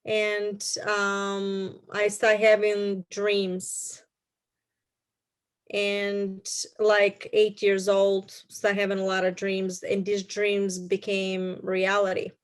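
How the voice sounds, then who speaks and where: A middle-aged woman with a Bulgarian accent speaks as an interview guest in a flat, level tone that barely rises or falls. She tells her story haltingly, with many fillers and restarts. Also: medium pitch, clean tone.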